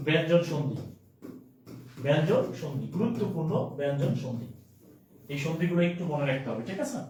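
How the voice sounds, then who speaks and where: A man's voice: fairly high pitch, darkish tone, slight background noise. A man teaching an online grammar class, repeating each word and often checking that students follow. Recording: very echoey room, distant mic.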